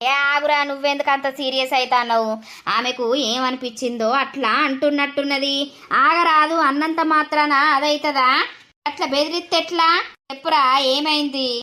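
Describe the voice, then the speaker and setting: A woman plays a high-voiced village mother-in-law in a home-made cartoon, forever fussing over her family. She pleads, scolds and soothes in a rustic, sing-song way. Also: steady tone, a little fast, bright, forceful tone. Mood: coaxing. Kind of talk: animated village drama voice acting.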